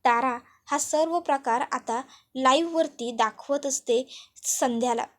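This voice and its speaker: A woman briskly retelling a TV serial episode, reading out each character's lines herself. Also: sits high. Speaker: serial recap narrator.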